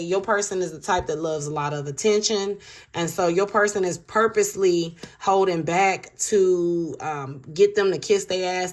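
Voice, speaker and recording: A woman giving a casual tarot reading to her viewers, blunt and profane, with chatty asides. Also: fairly low pitch. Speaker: tarot reader.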